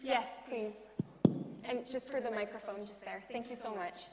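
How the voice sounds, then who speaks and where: Woman moderator, higher voice, courteous, big reverberant hall, faint hiss. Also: steady tone. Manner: polite, measured, lightly laughing. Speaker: panel moderator. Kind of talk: moderating an academic panel. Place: large lecture hall. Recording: echoey hall with faint noise.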